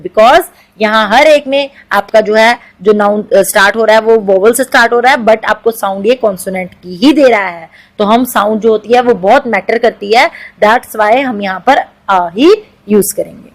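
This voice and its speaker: A woman's voice: a little high, rough recording. Woman teaching grammar. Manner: explains in Hindi, reads English examples slowly. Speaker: English teacher. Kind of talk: exam-prep grammar lecture.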